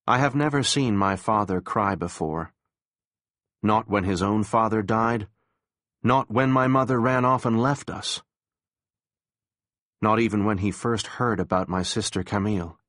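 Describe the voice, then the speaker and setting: A man narrating an audiobook in a measured, somber manner. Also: lowish voice, a bit bright, no room sound, clean studio sound. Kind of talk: scripted narration.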